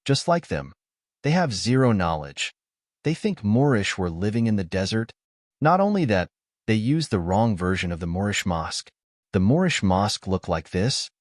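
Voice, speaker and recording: A man's voice: on the low side, very animated, normal speed, dry recording, studio quality. A man from North Africa narrating an argumentative commentary video, scornful and lecturing.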